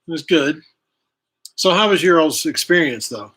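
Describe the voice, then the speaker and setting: Bright-voiced man chatting outdoors. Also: on the high side, animated, normal speed, slightly rough. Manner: rambling, self-correcting, chatty. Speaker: host of a live outdoors channel. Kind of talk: casual live-stream chat. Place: outdoors, chilly. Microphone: camera he angles himself.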